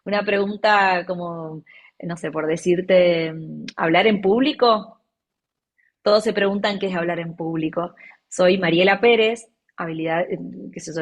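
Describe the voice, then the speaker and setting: Woman, speaking coach, chatty and explaining, repeats stuff for emphasis. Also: on the low side. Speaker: communication and public speaking coach. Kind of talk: casual conversational interview.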